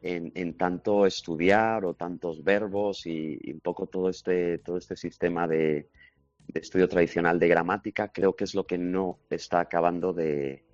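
A man's voice: deep voice, no echo. A man, answering interview questions as a language teaching expert, confident and explanatory. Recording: slightly dull lo-fi recording.

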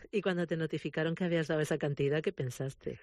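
A man hosts a radio interview and asks friendly questions, often laughing. His voice sits a little higher than most men's. The sound is close and dry. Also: brisk, darkish tone, no room sound. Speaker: radio host.

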